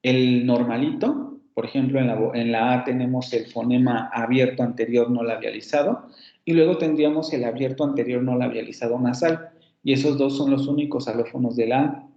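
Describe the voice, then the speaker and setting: A man's voice: medium pitch, steady tone, fairly quick, warm tone, echoey room, highs cut off. A man giving an online phonetics lecture. He explains step by step, repeats example words and corrects himself as he goes. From Mexico. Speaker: university phonetics teacher.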